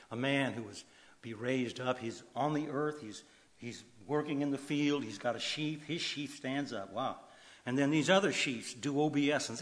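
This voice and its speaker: A man preaching a sermon in an animated way, swinging from loud emphasis to quiet asides. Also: medium pitch. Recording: long hall reverb.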